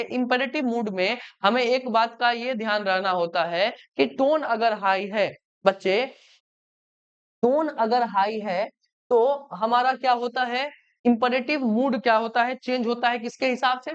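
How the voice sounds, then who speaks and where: A man's voice: very high-pitched, fairly bright tone, clear, resonant tone. Male grammar teacher, keeps checking understanding, dull lo-fi recording. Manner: keeps asking the class questions and checking understanding. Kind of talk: online grammar lesson.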